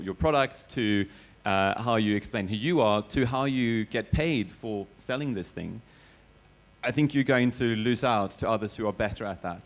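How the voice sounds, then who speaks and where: Male panelist, lowish voice, measured and reflective delivery, with hesitant self-corrections. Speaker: company CEO and panelist. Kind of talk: conference panel answer. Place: conference stage.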